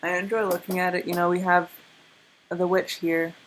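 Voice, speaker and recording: A young woman with a slight stutter talks through a tarot card reading in a casual, rambling way. Her voice sits a bit low and sounds tired from lack of sleep. There is a faint hiss behind her. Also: flat delivery, normal speed, low-quality recording. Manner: stutters, with many restarts. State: tired from little sleep, yawning. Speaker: tarot reader.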